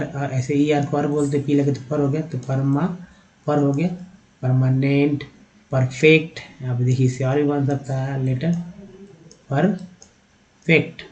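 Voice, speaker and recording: A man's voice: a little high, warm tone, muffled recording. A man with an Indian accent, teaching an online English lesson and breaking words into letters and sounds. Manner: spells words out letter by letter and sounds them out slowly; addresses viewers directly, repeating "dekhiye".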